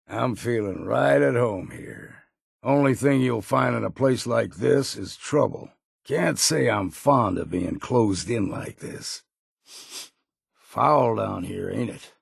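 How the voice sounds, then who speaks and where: Old grizzled hunter for a game, super gravelly, slow folksy talk, gruff and wary. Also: male voice, mid-range voice, expressive, dry recording, studio quality, exaggerated voice. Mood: musing, gruff. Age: older. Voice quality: gravelly, husky. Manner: folksy, drawling old-timer phrasing. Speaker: video game companion character. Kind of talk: scripted game voice lines.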